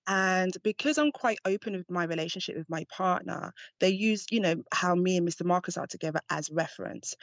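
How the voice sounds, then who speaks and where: A frank, chatty woman guest talks openly in a gravelly voice that often breaks into laughter. Her audio is dull and dry, like a remote call line. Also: fairly low pitch, no room sound. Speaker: guest, dominatrix and seduction coach. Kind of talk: casual podcast interview.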